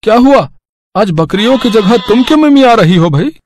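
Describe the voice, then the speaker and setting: A man's voice: high voice, expressive, normal speed, darkish tone, a little hiss or hum. A man voicing a poor, humble goat farmer who talks simply and earnestly in a cartoon story.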